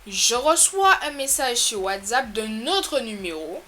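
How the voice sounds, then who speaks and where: Woman, storytime vlog, bright tense tone, animated, exasperated, talking to camera. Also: a little slow, a little hiss or hum. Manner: animated, exasperated storytelling with sudden loud pitch jumps. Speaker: YouTuber telling a storytime. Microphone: camera mic.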